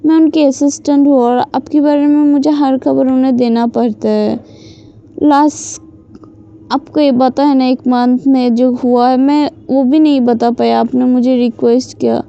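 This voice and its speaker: A woman's voice: high voice, fairly even intonation, normal speed, creaky, dark tone, clean tone, lo-fi sound. A woman voicing a kindly older male assistant who soothes and reassures a young woman, in a storybook reading. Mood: reassuring. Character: kindly older male family assistant, protective uncle figure.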